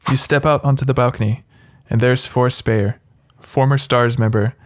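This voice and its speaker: A male video host reads scripted, humorous commentary. His voice is mid-pitched and his manner is mocking and sarcastic. Faint music runs behind him. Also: steady tone, normal speed.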